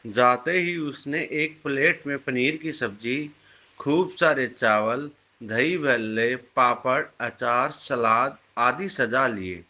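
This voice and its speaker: Male storyteller, calm and measured, slow delivery, bright tone. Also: medium pitch. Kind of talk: scripted moral story narration.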